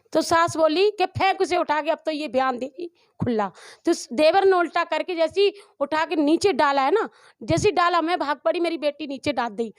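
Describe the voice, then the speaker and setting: A woman's voice: high-pitched, no room sound, clean studio sound. A middle-aged woman, mother of an abused daughter, giving a rambling, emotional account to a reporter, often restarting her sentences. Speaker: mother of a dowry abuse victim. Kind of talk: street interview testimony.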